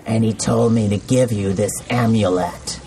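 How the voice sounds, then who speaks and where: A man voicing a gruff, lecherous old alien man in a storybook tale. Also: lowish voice, fairly even intonation, moderate pace, warm tone, a little hiss or hum. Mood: solemn.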